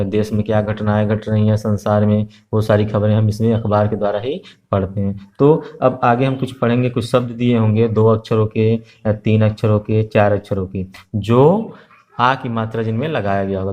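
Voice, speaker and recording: Patiently and without hurry, a man teaches Hindi online to young children, repeating each letter and sound and using many filler sounds. The lo-fi recording carries a fairly low voice delivered flatly.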